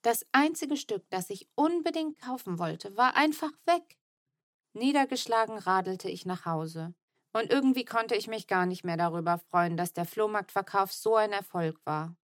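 Expressive woman reading an audiobook. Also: medium pitch, moderate pace, no echo, studio quality. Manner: expressive storytelling, lively emphasis. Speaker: audiobook narrator. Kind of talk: scripted audiobook narration.

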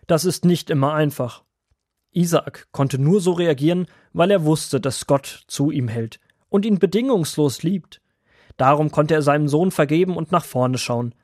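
Guy doing a calm wise old grandpa woodworm, kinda breathy, patient. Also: fairly high pitch, dry recording, clean studio sound, natural voice. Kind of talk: children's audio drama.

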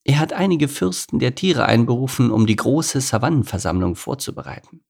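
A man's voice: mid-range voice, lively intonation, a little fast, creaky, darkish tone, husky, voice pushed up. A man voicing a bossy but caring lioness mother in an audiobook story. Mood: calm. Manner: scolding, commanding.

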